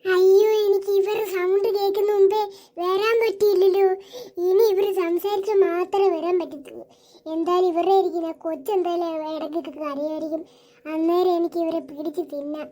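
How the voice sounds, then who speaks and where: A woman's voice: very high-pitched, fairly even intonation, fairly quick, warm tone. A woman voicing a menacing, hungry ghost that has possessed a girl in a cartoon.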